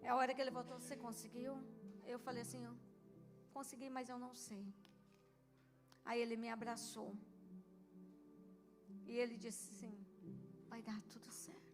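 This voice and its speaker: A middle-aged woman pastor, giving an emotional sermon testimony that swells into loud, emphatic peaks. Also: on the high side, flat delivery, moderate pace, pauses often. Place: church service. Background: music.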